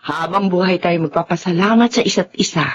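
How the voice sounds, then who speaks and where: A woman's voice: lowish voice, a little fast, breathy edge. An actress in a Tagalog radio drama playing Remedios, a practical, earnest middle-aged woman who reasons matter-of-factly. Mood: firm, persuading.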